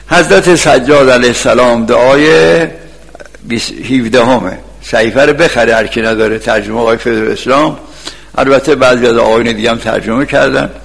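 A man preaching a sermon, telling stories and bursting into loud shouts now and then. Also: medium pitch, vocal fry, slightly rough. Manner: storytelling with sudden shouted outbursts. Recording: long reverb in a large hall.

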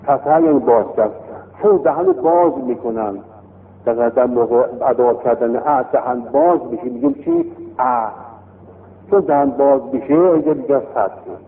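Male teacher in a classroom lesson, lively pitch and repeated emphasis; tinny lo-fi sound with hall echo. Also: gravelly. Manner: lively, explanatory, repeats key terms with rising emphasis. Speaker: Arabic grammar teacher. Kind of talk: classroom lesson on Arabic vowels. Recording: lo-fi phone-like recording in a reverberant hall with faint noise.

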